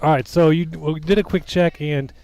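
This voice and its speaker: A man calling play-by-play at a high school basketball game, chatty and joking, a little out of breath. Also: fairly even intonation, moderate pace, mellow, smooth. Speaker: play-by-play commentator. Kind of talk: basketball commentary. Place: school gym.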